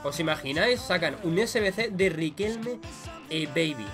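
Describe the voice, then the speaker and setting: Over music, a young man with a Spain Spanish accent gives excited gameplay commentary as a gaming YouTuber. His fairly high voice moves at normal speed, swinging between muttered remarks and loud shouts.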